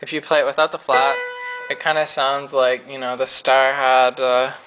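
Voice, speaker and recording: A man's voice: mid-range voice, monotone, moderate pace, poor audio. A man giving a casual, chatty piano lesson, explaining his points at the keyboard. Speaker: music teacher. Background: piano notes.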